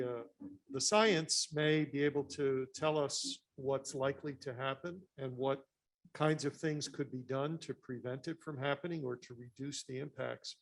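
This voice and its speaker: Man, face-mask muffling, gravelly fry, medium pitch, measured panel discussion delivery. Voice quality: slightly muffled, speaking through a face mask.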